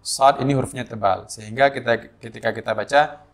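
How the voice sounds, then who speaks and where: Indonesian male Quran teacher, unhurried explainer who breaks into slow chanted examples. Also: mid-range voice, fairly even intonation, vocal fry, slight background noise. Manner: explains slowly with many fillers, then chants drawn-out recitation examples. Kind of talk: tajwid lesson with demonstrations.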